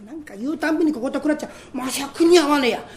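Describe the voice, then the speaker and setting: A man's voice: very high voice, very fast, reverberant. A man performing comic storytelling, voicing a dim-witted, giggly young male thief apprentice who fawns on his boss. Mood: pleading. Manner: silly, giggly, fawning. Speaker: rakugo storyteller.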